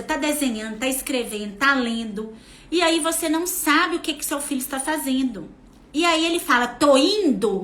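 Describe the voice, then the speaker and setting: A woman's voice: high voice, fairly bright tone, roomy sound. A Brazilian woman, a neuropsychopedagogue, giving casual parenting advice on a live stream in a chatty way, greeting viewers by name and acting out family conversations. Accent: Brazilian Portuguese. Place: home.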